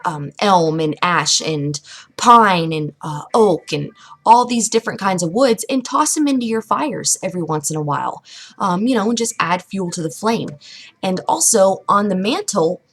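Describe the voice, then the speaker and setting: A woman's voice: medium pitch, animated, normal speed, fairly bright tone. A woman vlogging from home at her computer desk, giving casual how-to tips in a rambling, chatty way with lots of fillers and restarts. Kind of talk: casual how-to talk to camera. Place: indoors at home. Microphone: camera mic at a computer desk.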